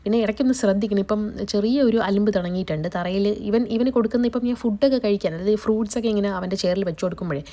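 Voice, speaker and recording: Speaking very fast in a mellow, medium-pitched voice, a young woman chats to viewers about her day and her cooking. She's vlogging casually from her family's kitchen indoors, and a cold has changed her voice.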